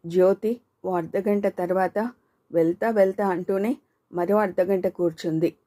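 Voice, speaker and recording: A woman narrating an audio novel in steady, measured scripted storytelling. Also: lowish voice.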